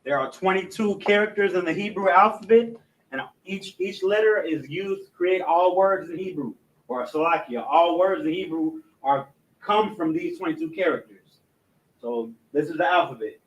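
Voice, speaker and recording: In a low-quality recording, a man whose voice sits high recites an alphabet one letter at a time during a language lesson. His speech halts often, with many restarts and filler words.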